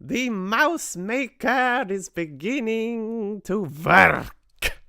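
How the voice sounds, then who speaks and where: A woman voicing a shrieking, imperious old witch leader in a storybook reading, with a shrill, hissing, theatrical delivery. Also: expressive, very slow, gravelly, pushed and bright, no echo, studio quality, heavily acted. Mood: shrieking triumph.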